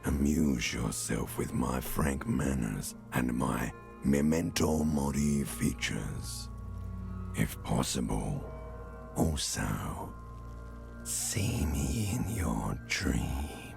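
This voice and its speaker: Gravelly talking corpse. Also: male voice, expressive, music in the background, exaggerated voice. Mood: mocking. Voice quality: deep, gravelly and slow. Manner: dry, mocking and cryptic. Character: sardonic hanged male corpse, talking dead man. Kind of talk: voiced video game dialogue.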